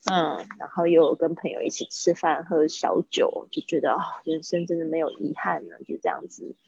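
A woman teaching English vocabulary to Chinese speakers in a chatty livestream, repeating words slowly to model how they sound. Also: deep voice, gravelly, darkish tone, breathy edge, dull audio.

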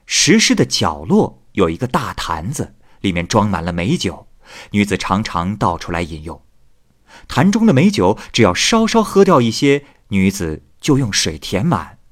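Lively male storyteller. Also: on the low side, moderate pace. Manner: expressive, lively, voices every figure. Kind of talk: storybook narration of a classic tale.

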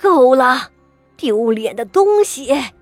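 A woman voicing an elderly, harsh matriarch who scolds slowly and coldly. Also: high-pitched, animated, no room sound, faint music behind, voice pushed up, exaggerated voice. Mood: scolding. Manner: slow, cold, scolding.

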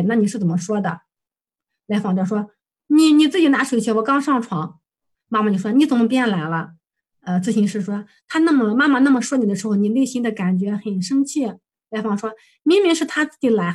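This counselor's voice is husky and fairly high as she brings a client case to supervision. She hesitantly relays what was said in session, filling it with fillers and correcting herself often.

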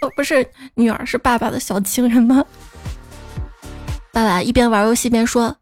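A woman hosts a comedy segment and reels off jokes in a playful, teasing voice. Her voice sits fairly high. Soft music runs underneath her. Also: fairly even intonation, moderate pace. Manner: playful, teasing, often laughing. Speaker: comedy host. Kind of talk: telling jokes to listeners.

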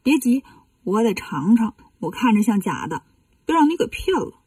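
A woman's voice: fairly high pitch, big pitch swings, moderate pace, dark tone, slightly rough, no room sound, far from the mic. A woman voicing a clever, cheeky male monkey king in a children's story, teasing and playful.

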